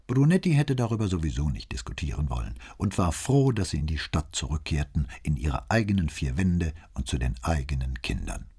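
A man narrating a crime novel audiobook in a measured, expressive way. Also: sits low, slightly rough.

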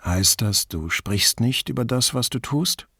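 A man reading an audiobook, voicing a reserved, evasive older beekeeper in a lower, quiet, guarded tone. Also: expressive, a little slow, slightly rough, dry recording, clean studio sound, exaggerated voice. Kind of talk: audiobook character voice.

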